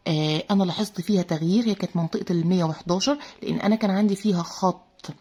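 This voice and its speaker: Racing through a serum review, an Egyptian-accented beauty vlogger talks chattily in a low, dark-toned voice, with lo-fi sound. Filler "aah"s pepper her speech as she addresses her female viewers directly as girls.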